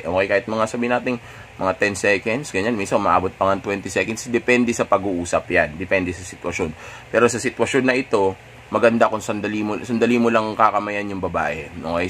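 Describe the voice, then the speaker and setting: Man, Filipino accent, low voice, dating coach, casual instructional talk, frequent fillers, faint background noise. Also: a bit bright. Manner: conversational, keeps checking in with "okay?", many fillers and restarts.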